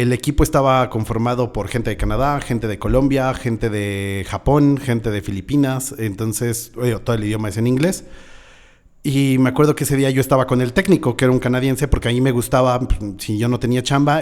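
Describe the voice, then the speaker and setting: A man in his forties with a Mexican accent, a paramedic guest telling a story in a relaxed interview. He is reflective, often adds a questioning tag, and acts out the voices of people he quotes. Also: medium pitch.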